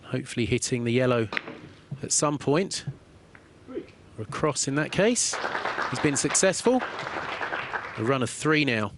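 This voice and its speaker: A man giving calm, explanatory play-by-play commentary on a billiards match. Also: medium pitch, a little slow, pauses often, noisy background. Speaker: sports commentator.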